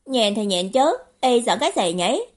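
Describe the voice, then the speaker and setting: A woman voicing a playful, mischievous young man in an audiobook, with bright teasing exclamations. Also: fairly high pitch, sing-song, normal speed. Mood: cheeky excited. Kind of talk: audiobook character voice.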